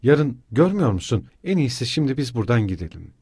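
A man's voice: medium pitch, sing-song, fast, dark tone, husky, no room sound, clean studio sound. A man voicing an anxious, tearful middle-aged mother who speaks timidly and pleadingly.

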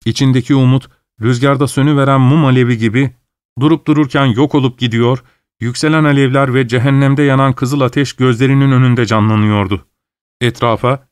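Guy reading an audiobook, steady middle voice, measured storytelling, dry close mic. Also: medium pitch, smooth, no room sound. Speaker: narrator. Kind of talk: audiobook narration.

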